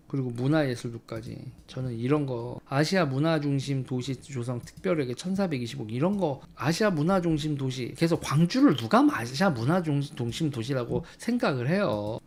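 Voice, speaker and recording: A man's voice: on the high side, gravelly, darkish tone. A man giving casual, blunt political commentary to his viewers. He swears in sudden heated bursts and thinks aloud while looking things up on screen.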